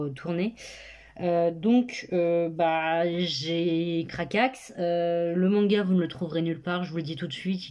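A young adult book vlogger chats casually from her bedroom at her parents' home, filmed on a phone camera. Her voice is low and a little mellow, and her talk is full of hesitations and self-corrections.

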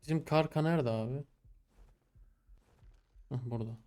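A young man narrates his survival game in casual commentary, talking straight to the game and to his animals. His voice sits at a middle pitch, and he drops into quiet muttering, then flares up into loud, exasperated complaints. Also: normal speed. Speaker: gameplay streamer.

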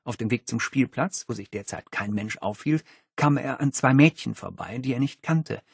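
A man reading a children's audiobook as narrator, in a lively, expressive storytelling manner. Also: mid-range voice, normal speed, vocal fry, slightly rough, no room sound, clean studio sound.

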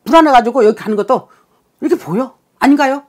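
A woman's voice: sits high, fast, slight background noise. A woman shaman giving a blunt, scolding consultation, swearing and bursting into emphatic outbursts. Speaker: shaman fortune-teller.

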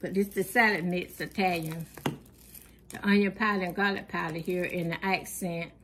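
Speaking in a lowish voice with fairly even intonation, a woman hosts her channel and walks through her groceries one by one. It's a casual haul narration recorded at home off camera, plain and unhurried with plenty of fillers, against background noise.

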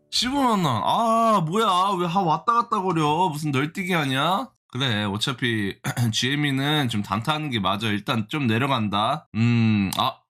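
Animated young man reacting to stocks. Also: medium pitch. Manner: exasperated, talks to the chart, jokey banter with viewers. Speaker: stock-trading vlogger. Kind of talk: live reaction commentary.

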